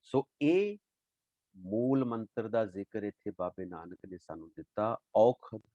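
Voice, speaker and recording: A man giving a devotional talk on scripture, reciting verses slowly and then explaining them in a lively way. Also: on the low side, no echo, dull audio. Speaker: Sikh scripture teacher.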